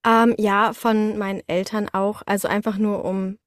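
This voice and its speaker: A young studio voice artist appears as an interview guest, telling her story casually in an enthusiastic, colloquial way and acting out quoted exclamations. Her mid-range voice is level and unhurried, with clean studio sound and no room sound.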